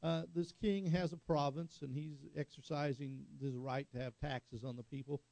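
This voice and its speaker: A man's voice: a little high, steady tone, normal speed, gravelly, darkish tone, no room sound. A middle-aged man preaching a sermon in a conversational way, telling stories and asking the congregation for an amen. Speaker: pastor.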